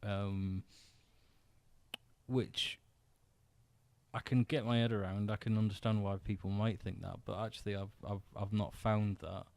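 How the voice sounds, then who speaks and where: Animated man telling studio stories. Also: lowish voice, a little slow, gravelly, pauses often. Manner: animated storyteller, acts out quoted exchanges. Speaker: musician guest. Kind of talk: casual podcast chat.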